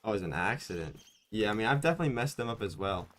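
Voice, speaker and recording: A man's voice: lowish voice, lively intonation, rapid-fire. A young man streaming a hunting game, chatting loosely with viewers, rambling and self-mocking, often saying like and dude. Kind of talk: casual live-stream chat while gaming.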